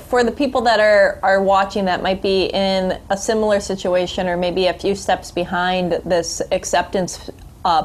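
A woman's voice: mid-range voice, a little mellow. A woman podcast host who asks questions in an affirming, encouraging way. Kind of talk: interview conversation.

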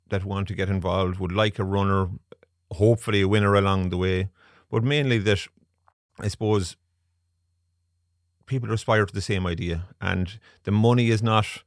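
A man's voice: fairly low pitch, dry recording, studio quality. A man from Galway with a west of Ireland accent, chatting casually as a podcast guest who manages a racing syndicate. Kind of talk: casual interview chat.

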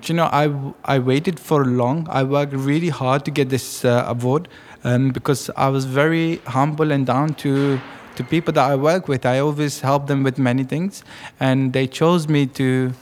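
A man from Afghanistan with an Afghan accent, speaking English in a casual interview about his fundraising award, pausing often with ums. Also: mid-range voice, steady tone, slight background noise. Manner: hesitant, with frequent ums.

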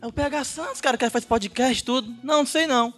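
Young man, very high voice, rapid talk, nervous laughing storyteller, faint music behind. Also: a bit bright. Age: young adult. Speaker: guest sharing a story. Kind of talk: casual podcast chat.

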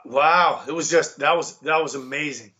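A high-pitched American man in casual conversation. He tells his story with animated energy, breaking into laughter and sprinkling in swear words and "bro". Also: normal speed, lo-fi sound. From United States. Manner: animated, laughing, profane, says bro and dude a lot.

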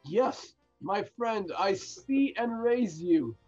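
A man's voice: high-pitched, animated, takes it slowly, darkish tone, highs cut off, faint music behind. A man co-hosting a casual wrestling chat, trading dry, wry quips and mock arguments. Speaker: podcast co-host.

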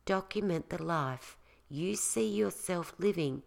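A woman narrates a guided relaxation exercise from a script. Her voice sits low, with a touch of creak at the edges. She speaks very slowly and calmly, giving each instruction room with pauses. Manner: slow, calming, instructional delivery with pauses.

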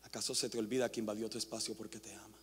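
A male pastor preaching a sermon, swinging from hushed near-whispers to loud, impassioned calls. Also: fairly low pitch, flat delivery, very fast, husky, big-room sound.

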